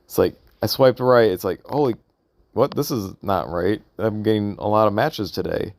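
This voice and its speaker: A vlogger with a lowish, gravelly voice records an unscripted audio log, thinking aloud in a casual monologue. He is hesitant and halting, rambling and repeating questions as he works through his thoughts, in clean studio-quality sound with no echo.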